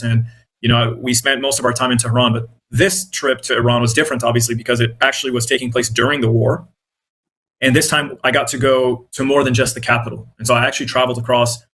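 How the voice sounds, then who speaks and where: The recording is rough, but the man's medium-pitched voice comes through fairly bright, with an American accent. As a guest on an interview, this independent journalist and content creator, born in Iraq and brought up in the U.S., explains things earnestly and conversationally.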